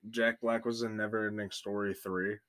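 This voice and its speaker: A laid-back young man co-hosting a podcast, agreeable and quick to laugh. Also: on the low side, flat delivery, fairly bright tone, no echo, clean studio sound. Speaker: podcast co-host. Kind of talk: casual chat.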